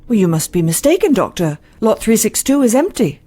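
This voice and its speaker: An actress voices a weary, skeptical woman doctor in a sci-fi audio drama, speaking briskly in a fairly high voice with big pitch swings. Her tone is soft-edged and dark and her delivery blunt and matter-of-fact, yet she sounds puzzled and alarmed, with faint music behind her.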